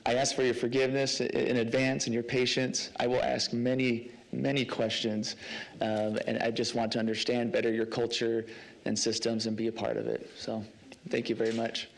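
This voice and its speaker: Man, new city attorney, gravelly voice, even delivery, friendly and a little jokey. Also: mid-range voice, normal speed, rough recording. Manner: friendly, lightly joking, frequent ums. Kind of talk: introductory remarks at a council meeting.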